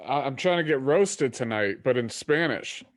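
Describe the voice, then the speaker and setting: A man's voice: medium pitch, expressive, normal speed. A man co-hosting a show, bantering crudely and teasing strangers on video chat. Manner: joking, profane, teasing strangers. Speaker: podcast co-host.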